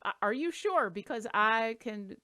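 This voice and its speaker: A woman's voice: on the high side, animated, measured pace, bright, forceful tone, no room sound, studio quality. A woman voicing a helpful, coolly murderous female sneak with a polite, matter-of-fact manner in a tabletop game. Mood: eager, polite.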